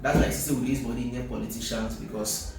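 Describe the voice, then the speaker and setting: A man's voice: medium pitch, steady tone, quick pace, darkish tone. A man with a Nigerian accent talking in an interview, mixing English and Nigerian Pidgin and often checking that he is understood. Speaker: company CEO, interview guest. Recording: very echoey, distant mic, noisy.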